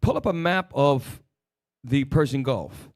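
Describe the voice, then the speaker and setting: Speaking in an animated but unhurried way, a man with a mid-range voice runs a religious discussion, peppering it with rhetorical questions and curt instructions to his assistant.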